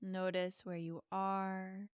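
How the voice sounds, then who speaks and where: A woman hosting a guided mindfulness meditation, speaking in a soft, soothing, unhurried way with long pauses. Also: mid-range voice, flat delivery, smooth, dry recording, highs cut off. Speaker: podcast host and meditation guide.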